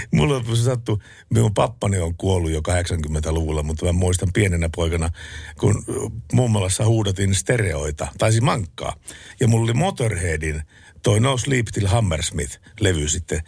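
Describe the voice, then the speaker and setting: A man co-hosting a late-night radio talk show in a relaxed, chatty way, reading out listener messages. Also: sits low, vocal fry, husky, dry recording. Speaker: radio co-host.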